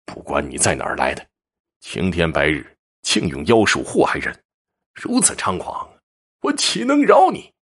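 A man's voice: deep voice, wildly swooping pitch, moderate pace, a bit bright, slightly rough, exaggerated voice. A man voicing a hot-tempered younger brother who scolds sternly. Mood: angry. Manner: angry, stern.

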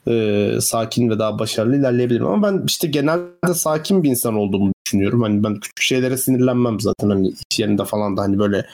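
A young man talks through a casual podcast chat in a rambling, unhurried way. He leans on filler words and circles back on his points as he goes. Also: medium pitch, expressive, a little mellow. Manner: rambling, heavy use of fillers like "hani" and "falan". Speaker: podcast co-host.

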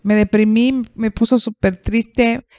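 A woman psychologist, calmly explaining and asking rhetorical questions in a podcast conversation. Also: fairly high pitch, unhurried, no echo, studio quality. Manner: calm, explanatory, asks herself rhetorical questions.

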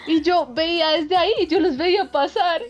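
A woman, co-hosting a podcast and telling a story in an animated way, laughing often. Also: very high voice, normal speed, dull audio, soft background music. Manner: animated, laughs often, lively quoted voices. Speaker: podcast co-host. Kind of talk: casual chat, storytelling.

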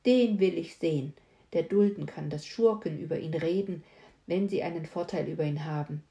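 A woman giving a dramatic reading of a classic novel in the first person, moving between fervent outbursts and hushed whispers. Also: deep voice, normal speed. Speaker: audiobook reader. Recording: echoey room.

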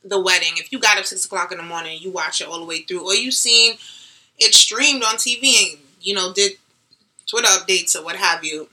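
A young woman co-hosting a casual chat show, animated and slangy, laughing often. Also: mid-range voice, brisk, rough recording. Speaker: podcast co-host.

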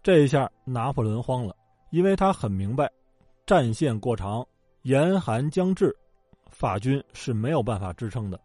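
A man's voice: medium pitch, very animated, normal speed, mellow, no echo. A man telling history in a casual, joking storytelling way, with colloquial asides. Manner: colloquial and joking, with acted quotes. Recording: dry close mic with faint background music.

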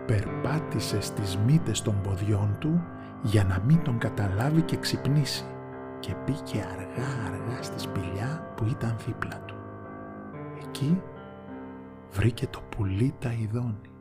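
A man's voice: on the low side, animated, loud music behind the voice. A man narrating a folk tale with rhythmic, repeated phrases. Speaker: storyteller.

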